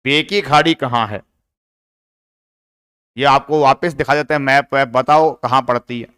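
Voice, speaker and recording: A man's voice: medium pitch, unhurried, a bit bright, smooth. A man teaching a poem in a lesson, asking his class questions and then answering them himself. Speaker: English literature teacher.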